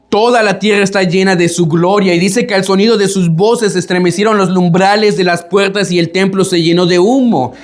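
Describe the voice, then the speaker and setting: A man preaching a sermon in an emphatic way, putting rhetorical questions to his listeners and repeating words for emphasis. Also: sits high.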